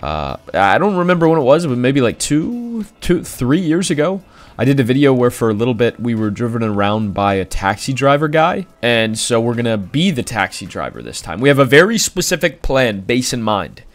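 A man's voice: mid-range voice, very animated, normal speed. A young man hosting a gaming video, mixing casual chat with narration. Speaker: video creator, host.

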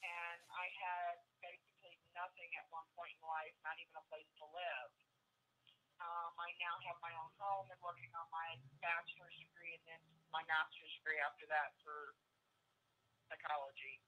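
A woman's voice: on the low side, level tone, moderate pace, pushed and bright, slight background noise. A woman giving a personal testimonial over a phone call, heard through a phone held up to a computer mic. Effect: phone call played aloud through a phone held up to a computer mic. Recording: muffled lo-fi phone sound.

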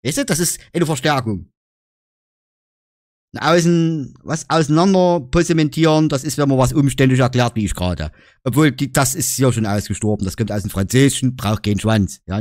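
A man's voice: medium pitch, darkish tone, dry recording, clean studio sound. A man with a Saxon German accent chatting casually in a vlog, joking around and explaining dialect words with frequent "ne?" tags. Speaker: YouTuber.

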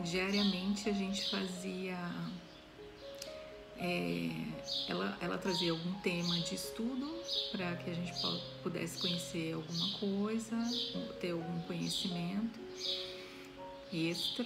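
Slow-talking woman over loud music. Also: fairly low pitch, fairly even intonation, vocal fry. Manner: unhurried, with frequent "né?" tags and pauses. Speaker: Reiki student giving a talk. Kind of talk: casual personal talk to camera. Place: small room indoors.

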